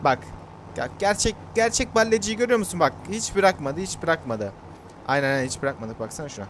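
A man's voice: fairly high pitch, lively intonation, fairly quick, fairly bright tone, a little hiss or hum. A young man chatting casually to his viewers while playing a farming game, joking at his own expense. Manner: chatty, self-mocking, talks to viewers. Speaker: gaming YouTuber. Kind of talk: casual gameplay commentary.

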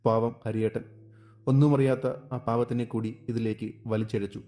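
A man reads a love story aloud as its narrator. His voice is dark and mellow, at a middle pitch. He reads slowly and with feeling. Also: level tone.

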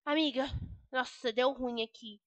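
A rebellious teenage girl whines and pleads with a Brazilian Portuguese accent, as a woman acts her out. Her voice sits high and bright, recorded dry and close, with dramatic game role-play delivery. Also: fairly even intonation, measured pace, no echo. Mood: scheming.

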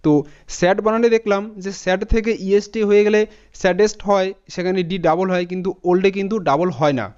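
A man teaching an English spelling lesson, spelling words out letter by letter in a steady explaining manner. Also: high voice, quick pace, smooth. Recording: dull lo-fi audio.

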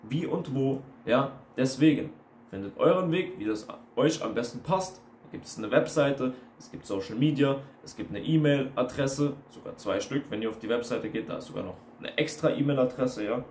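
A man's voice: mid-range voice, normal speed, darkish tone. A man, an online coach, giving a blunt, ranting monologue full of emphatic repetition. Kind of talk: casual monologue video. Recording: roomy with faint noise.

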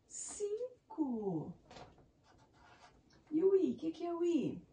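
Her pitch is extremely high and her words stretch out in a warm, sing-song way, picked up far from the microphone. This primary school teacher breaks animal names into syllables for little kids in Brazilian Portuguese, cheering them on as they count.

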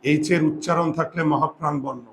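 Male teacher, slightly high voice, patient step-by-step explainer, faint background hiss. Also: steady tone, fairly quick, vocal fry. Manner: explains step by step, often asks if students follow. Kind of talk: grammar lesson at a board.

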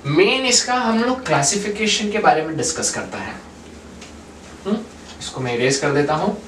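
A man's voice: a little high, a bit bright. Man teaching chemistry in an echoey room. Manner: quizzes the class, mixes in English terms. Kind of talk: whiteboard lecture. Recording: echoey room, far from mic, faint noise.

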